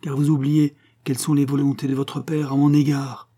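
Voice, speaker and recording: A man's voice: mid-range voice, completely flat delivery, normal speed, mellow, voice pushed up, natural voice. A man voicing a jealous, mocking young Spanish nobleman in a cold, sneering manner.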